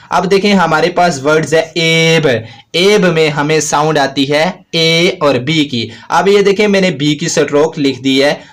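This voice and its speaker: A man's voice: on the high side, fairly bright tone. A man teaching a shorthand lesson, patiently explaining each rule, asking his own questions and answering them right away. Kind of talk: classroom-style lesson.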